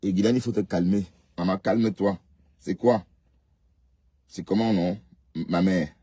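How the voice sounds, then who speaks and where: Deep, dark-voiced man scolding his viewers. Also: fairly even intonation, measured pace, slightly rough, no echo. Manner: scolding, rhetorical questions with tag "hein". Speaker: live stream host. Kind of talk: casual live commentary reading comments.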